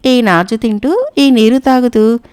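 A woman's voice: on the high side, unhurried, darkish tone, clean tone, close to an everyday voice. A woman voicing a sly old crane that fakes piety, speaking in a mournful, pious tone.

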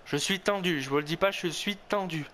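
A man giving excited, tense commentary on his own football video game, repeating words as he cheers himself on. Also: high-pitched, fairly quick, a little hiss or hum. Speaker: gaming video host.

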